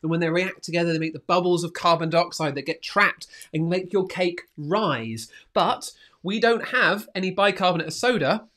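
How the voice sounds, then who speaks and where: A man's voice: sits high, normal speed, a bit bright. A man co-hosting a live science demonstration for children, recapping ideas in an upbeat way with fillers and repeats. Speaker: co-host of a children's science show. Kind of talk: live science demo for kids.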